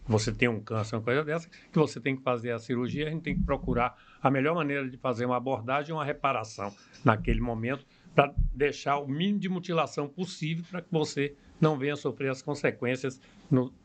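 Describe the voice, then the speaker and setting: An older man with a Brazilian Portuguese accent, a plastic surgeon answering interview questions in a calm, measured, explanatory way. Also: medium pitch. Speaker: plastic surgeon, podcast guest.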